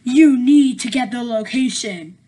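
A woman's voice: on the high side, a little slow, dark tone, faint music behind, natural voice. A woman voicing a resentful male henchman in a family audio drama, speaking in a sullen, defiant manner.

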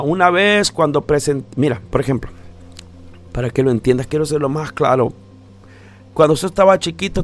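A man giving a motivational talk, speaking straight to the listener and repeating phrases for emphasis. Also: fairly high pitch. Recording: faint background music.

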